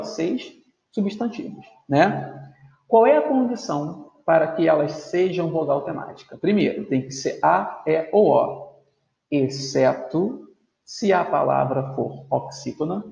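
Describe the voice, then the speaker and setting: Gravelly man teaching a video lesson. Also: on the high side, a little mellow. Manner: explains step by step, often checks in with "tá?". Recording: roomy, dull lo-fi sound.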